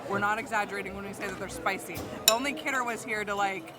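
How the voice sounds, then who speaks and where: A chatty woman films a casual food review vlog at an outdoor theme park. Her talk is excitable and full of fillers. A loud crowd and heavy outdoor noise surround her. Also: medium pitch, quick pace. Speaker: food vlogger.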